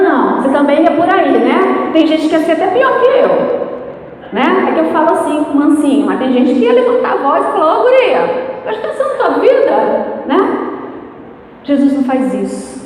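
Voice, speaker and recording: A middle-aged Brazilian woman preaches a lively sermon in a high voice, firing questions at the congregation and slipping into voices. She sounds far from the mic, with a long echo from a big hall and faint background noise. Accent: Brazilian Portuguese. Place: church hall.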